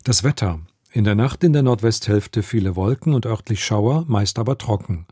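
Male newsreader, formal and measured, low mellow voice, dry studio sound. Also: husky, dry recording. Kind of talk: scripted radio news reading. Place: radio studio.

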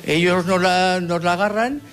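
A man's voice: high-pitched, moderate pace, a bit bright. Man, interview soundbite, earnest and rambling, faint music bed. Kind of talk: interview answers.

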